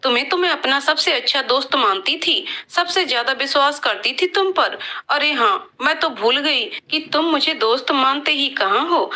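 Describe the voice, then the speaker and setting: A hurt young widow in a storybook drama, as a woman narrator puts her on. Her voice is bright and fairly high. She speaks reproachfully, as if close to tears. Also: lively intonation, moderate pace. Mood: bitter. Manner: tearful, reproachful.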